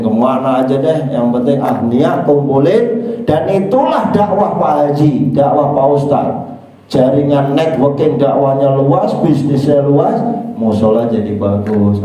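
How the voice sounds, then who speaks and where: A man's voice: mid-range voice, mellow, very echoey, distant mic, rough recording. An older man with an East Javanese accent giving a joking dawn religious talk in a prayer room. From East Java. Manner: joking, teasing the congregation. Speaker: preacher.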